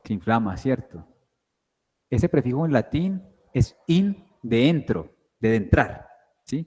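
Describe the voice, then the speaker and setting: A man's voice: mid-range voice, sing-song, slow, darkish tone, breathy edge, big-room sound. A man giving a guest lecture, explaining word parts and often asking "right?" to check that the class follows. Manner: explains with questions, checks understanding with "¿sí?".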